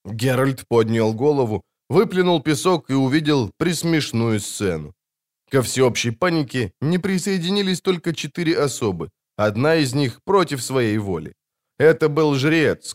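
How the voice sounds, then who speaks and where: A man narrating a fantasy story from a script in an expressive, storytelling manner. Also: mid-range voice, normal speed. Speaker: audiobook narrator.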